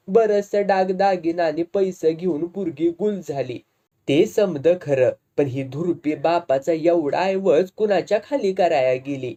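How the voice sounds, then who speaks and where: A gossipy village man , as the storyteller puts him on, savoring every scrap of news. He talks in broad rustic dialect, a little louder and livelier than the narration. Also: mid-range voice, close to an everyday voice.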